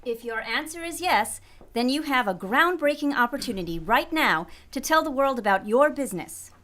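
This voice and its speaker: A woman's voice: high voice, expressive, moderate pace, fairly bright tone. A woman reading a scripted radio advertisement as an announcer.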